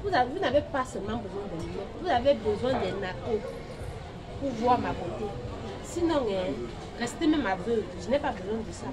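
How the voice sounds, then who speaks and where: A woman's voice: a little high, expressive, a little fast, a loud crowd. A pregnant, newly married woman talking proudly and defiantly in casual chat.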